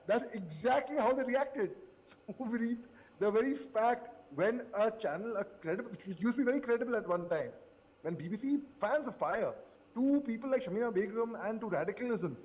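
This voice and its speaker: A man speaking as a panelist on a live news debate, animated and sarcastic, repeating phrases for emphasis, from a hotel event. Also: high voice, a little fast, big-room sound, muffled recording.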